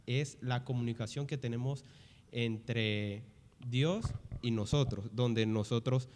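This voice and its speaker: A man's voice: medium pitch, slow pace, darkish tone, long reverb tail. A man who co-hosts a Bible podcast and leads a youth group, reading verses aloud and then explaining them. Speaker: youth pastor and co-host. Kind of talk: Bible study podcast talk.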